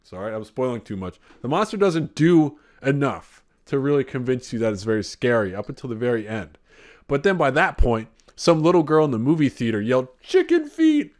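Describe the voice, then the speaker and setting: A man talks through a movie review in a loose, offhand way, swearing casually and wandering off on tangents. His voice sits at an ordinary middle pitch. The talk is an unscripted vlog, not a rehearsed read. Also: lively intonation, fairly quick. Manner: rambling and profane, often sidetracked.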